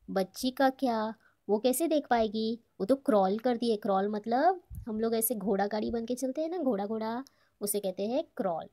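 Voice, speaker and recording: An Indian woman with a fairly high, mellow voice gives a textbook lesson to children. She reads English lines slowly, then talks them through in easy, casual Hindi. She keeps asking the kids questions and answering them herself. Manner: addresses children, asks and answers her own questions. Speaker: teacher.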